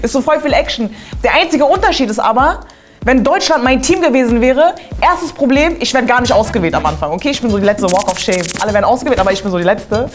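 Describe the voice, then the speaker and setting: A woman host doing a comedic monologue straight to camera, animated and slangy, with many asides. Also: fairly high pitch, fast, faint music behind.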